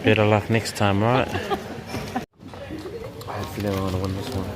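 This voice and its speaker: Slangy man vlogging amid loud crowd noise. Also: on the low side, level tone, brisk. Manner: playful, slangy banter. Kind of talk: casual chat, vlog. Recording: loud crowd chatter behind voice. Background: busy crowd.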